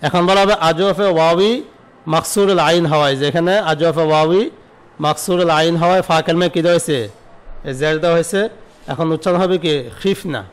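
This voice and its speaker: A man teaching an online Arabic grammar lesson, asking his own questions and answering them, repeating word forms slowly. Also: a little high, steady tone, clear, resonant tone.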